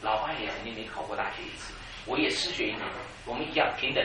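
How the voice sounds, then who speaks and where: A man, preaching a sermon in an animated storytelling way and laughing at his own jokes. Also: lowish voice, quick pace. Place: church hall. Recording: echoey church hall, mic far off, noisy.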